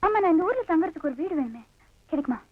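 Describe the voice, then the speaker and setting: A lively young writer from the city, playful and curious, who slips English words into her talk. Her voice is very high and swoops a great deal, and the old film audio sounds dry and dull. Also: fast, no echo. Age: young adult. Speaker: writer visiting a village. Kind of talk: film acting.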